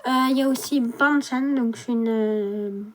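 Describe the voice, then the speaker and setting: A woman's voice: a little high, normal speed. A woman chatting casually to viewers while unboxing, trailing off and restarting often. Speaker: vlogger.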